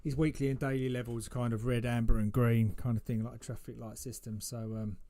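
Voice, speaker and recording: A man's voice: medium pitch, level tone, brisk, warm tone. A man hosting a trading live stream, chatting casually, laughing often and restarting his sentences. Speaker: trading livestream host.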